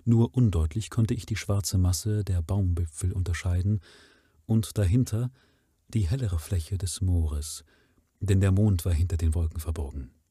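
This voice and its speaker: Low, husky male reader. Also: a little slow, mellow, dry recording, clean studio sound. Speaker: audiobook reader. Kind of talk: unrehearsed first-sight reading of a novel.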